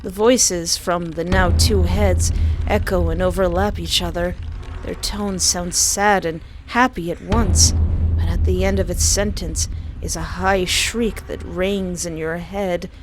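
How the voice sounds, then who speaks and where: A woman's voice: on the low side, fairly even intonation, unhurried, music in the background. A woman narrator reading a scripted second-person horror story.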